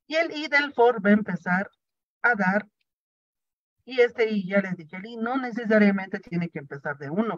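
High-voiced man teaching programming, step by step. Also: a bit bright, no room sound. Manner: explains step by step, asks and answers his own questions. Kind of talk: classroom lecture. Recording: dry, dull lo-fi sound.

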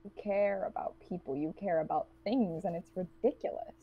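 Woman playing a blunt, monotone loner. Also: lowish voice, moderate pace, husky, dull audio. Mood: cold. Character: cold, guarded woman trapped with strangers.

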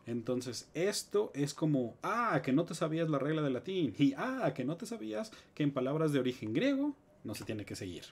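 A man with a Mexican Spanish accent, teaching English grammar in a live stream with lively explanations and joking asides. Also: a little high, normal speed, hardly any pauses, breathy edge.

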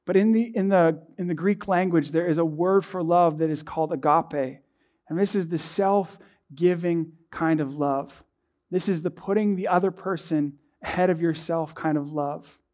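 Young man, pastor, earnest measured sermon, slightly high voice. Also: a little mellow. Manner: earnest, measured preaching with rhetorical questions. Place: dark church stage, indoors.

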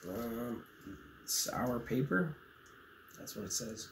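A young man hosts a casual snack taste-test at a table in a small room while getting over a cold, easygoing and laughing often. He's animated and slow-paced, with a medium-pitched, fairly bright voice, and the room sounds echoey with faint noise.

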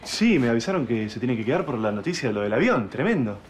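A man's voice: medium pitch, very animated, quick pace, echoey room, distant mic, a little hiss or hum, natural voice. An actor plays a weary young man in a telenovela, answering briefly and with resignation. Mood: resigned.

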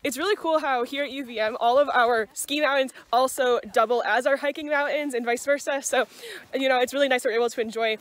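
Here a young woman vlogs for her studies crowd, speaking fast in a high-pitched voice with cheerful enthusiasm. She holds her phone at arm's length across scenes in a small kitchen, a gas station, a car and an outdoor trail, with faint background noise throughout.

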